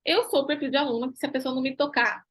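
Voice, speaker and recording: A woman's voice: sits high, very fast, rough recording. A woman giving an online class, emphatic and repeating key phrases, asking her students rhetorical questions. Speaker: pilates teacher and business mentor.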